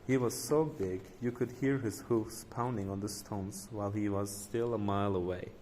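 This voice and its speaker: A man narrating a folk tale in a fairly low voice, tripping over words and restarting often. His voice rings in an echoey room with faint noise behind. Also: moderate pace, a little mellow. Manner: frequent slips and restarts. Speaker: storyteller. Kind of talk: reading a folk tale aloud.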